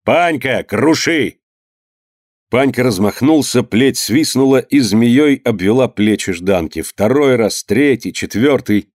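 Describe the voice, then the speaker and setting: A man narrating a historical story in a measured, dramatic reading. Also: medium pitch, darkish tone, no room sound, studio quality. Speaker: audiobook reader.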